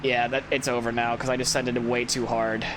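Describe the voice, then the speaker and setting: A man's voice: medium pitch, level tone, normal speed. Tired man berating himself over gameplay. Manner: self-critical, rambling with many restarts. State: sleepy, tired. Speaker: gameplay commentator. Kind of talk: casual let's-play commentary. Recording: loud game engine noise behind. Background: racing game engine noise.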